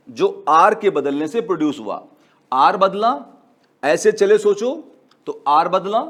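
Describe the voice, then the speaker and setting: Coaxing high-voiced teacher. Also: male voice. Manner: coaxing, repetitive, calls students "beta"; asks questions and answers them himself. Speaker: physics teacher. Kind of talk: classroom lecture.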